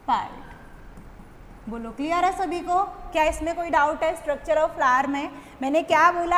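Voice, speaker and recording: A woman's voice: high-pitched, fairly bright tone. A young Indian woman teaching a biology class who keeps asking questions and then answers them herself. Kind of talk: classroom lecture. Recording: reverberant room with faint background noise.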